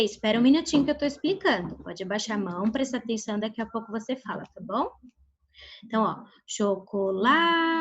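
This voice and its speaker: A woman teaching a primary school class online with a Brazilian Portuguese accent. She speaks patiently, checks in with the class often, and stretches out syllables slowly when modeling words. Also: a little high. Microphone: video call. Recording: dull lo-fi video call audio.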